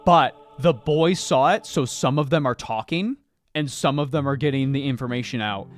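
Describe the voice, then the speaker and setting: A man streaming live while he paints miniatures, chatting casually and swearing freely, with sudden loud bursts of excitement. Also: mid-range voice, moderate pace, faint music behind.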